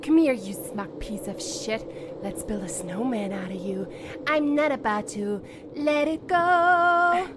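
A woman's voice: a little high, lively intonation, slow, noisy background. A woman playing a hot-tempered, foul-mouthed, bossy ice supervillain twin in a comedic superhero audio drama. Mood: furious, taunting. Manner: brash, taunting, sweary.

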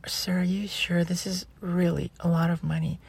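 A woman in a whispered role-play, playing a flustered, polite college student who delivers food, with a breathy, husky voice and a hesitant, stammering, apologetic manner. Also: fairly low pitch, little pitch movement, normal speed, a little mellow. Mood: shy, earnest.

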